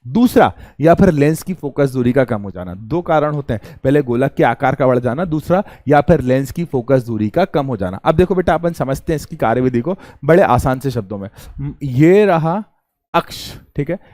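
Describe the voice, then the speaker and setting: A young male teacher giving a calm, chatty lecture, often asking a question and answering it himself. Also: medium pitch, normal speed, no room sound, studio quality. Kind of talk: classroom lecture.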